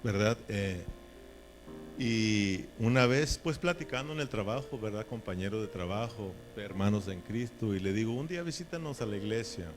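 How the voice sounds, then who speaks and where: A man's voice: lowish voice, expressive, moderate pace. A man preaching a sermon in a folksy, joking way, often checking in with his listeners. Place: church.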